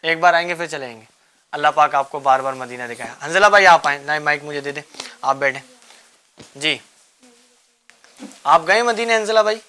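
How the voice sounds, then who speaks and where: A man hosting a children's religious show, coaxing the kids with repeated questions and gentle teasing. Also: fairly high pitch, expressive, pauses often, clear, resonant tone. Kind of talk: quizzing children in a studio class.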